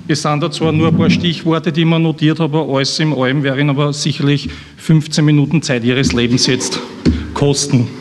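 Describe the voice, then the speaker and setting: A man's voice: on the high side, a little mellow. An Austrian man, an author introducing a reading at a live event, talking in a rambling, self-mocking way with many restarts. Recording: long hall reverb.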